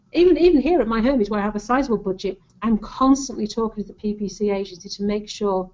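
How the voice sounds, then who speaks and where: The recording is a little muffled and lo-fi. A woman with a Lancashire accent speaks in a fairly high voice. She presents marketing advice informally, sounding conversational and encouraging. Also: a little mellow. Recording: dull, lo-fi audio.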